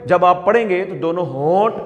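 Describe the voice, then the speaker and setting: A man with a fairly high voice teaches recitation, repeating each point and asking his students questions. He draws sounds out slowly to show how they are made. His voice rings around a roomy space with a long, hanging reverb. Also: animated, muffled recording, soft background music. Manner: stretches out sounds slowly to demonstrate them. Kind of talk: teaching lesson. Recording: echoey room with long reverb.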